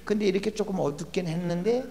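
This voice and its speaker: A gravelly older man giving a lively, humorous lecture as a guest educator in a church. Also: high-pitched, fast talker. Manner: lively, acts out quoted people with shouting and laughs. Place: church hall. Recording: long church hall reverb, faint hum.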